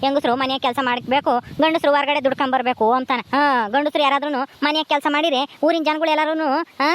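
A woman's voice: high-pitched, fairly even intonation, quick pace, dry recording, lightly acted. A woman playing an easygoing village husband and fond uncle, with a rural Karnataka Kannada accent and a soothing, defensive manner.

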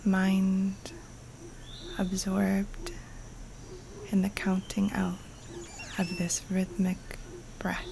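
Out in an open jungle space, a yoga nidra teacher leads a relaxation meditation, her medium-pitched voice soft, breathy and partly whispered, calm and soothing with long pauses. It was recorded live outdoors, with faint jungle birds and insects in the background.

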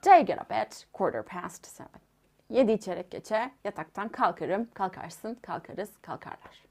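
A young adult woman teaching a language lesson, saying example sentences slowly and clearly and translating each one. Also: medium pitch, expressive, darkish tone. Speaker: English teacher.

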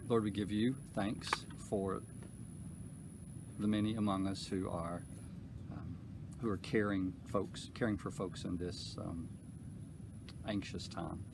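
A man in his forties, a pastor giving church updates and a prayer outdoors, speaking unhurriedly with many pauses and fillers. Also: deep voice, fairly even intonation, gravelly. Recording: outdoor noise behind voice.

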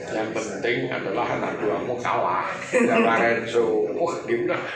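A man's voice: on the low side, measured pace, a loud crowd. A man being interviewed in a karate training hall, talking in a blunt, boastful and cheerful way. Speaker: dojo head interviewee. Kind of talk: casual interview. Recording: very echoey hall, far from mic, loud noise.

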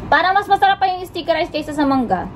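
A woman with a bright, high voice banters playfully on camera, her words thick because she is chewing while talking. A faint murmur of room noise sits behind her casual eating-show chatter. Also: expressive, fast. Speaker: mukbang vlogger.

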